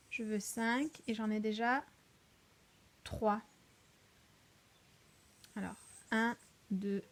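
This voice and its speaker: A woman kindergarten teacher giving a home video lesson to young children, with slow, patient instructions, counting aloud and repeating words. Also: a little high.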